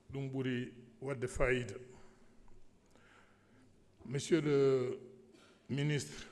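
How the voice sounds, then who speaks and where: In a big echoing chamber, a man speaks in a slightly high voice with a Senegalese accent. He delivers an emphatic political speech as a deputy. He often repeats phrases to drive them home. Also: darkish tone. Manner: emphatic, repeating himself for stress. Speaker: member of parliament. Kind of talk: parliamentary speech switching between French and Pulaar. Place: large parliamentary assembly hall. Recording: echoey large hall with long reverb.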